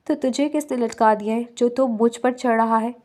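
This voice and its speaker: A woman's voice: a little high, steady tone, darkish tone, lightly acted. A woman reading a stubborn, teasing young man. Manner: mocking, stubborn.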